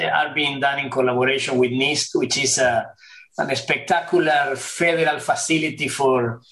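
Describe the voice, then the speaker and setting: A middle-aged man answers interview questions in a courteous, halting way, often repeating words. His voice sits a little high for a man. The sound is roomy, with an echo off the walls. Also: fairly bright tone. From Argentina. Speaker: guest professor. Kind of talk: webinar interview.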